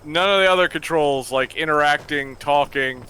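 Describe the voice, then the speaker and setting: A man chatting casually as he plays a game, with halting, restarted sentences. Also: fairly high pitch, pushed and bright, clear, resonant tone, low-quality recording. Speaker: gamer. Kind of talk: casual gaming chat. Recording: faint noise behind voice.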